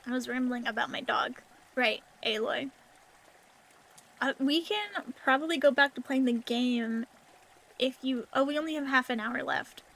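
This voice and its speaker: A woman with a high voice chats as a livestreamer. Her delivery is cute in an anime-streamer way, and she rambles casually and informally to the people watching. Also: normal speed, a bit bright, rough recording. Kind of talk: casual rambling chat with viewers.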